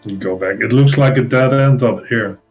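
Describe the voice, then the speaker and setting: A man's voice: medium pitch, moderate pace, soft background music. A man from the United States chatting and joking casually as a player in a tabletop game. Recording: slightly dull, lo-fi sound.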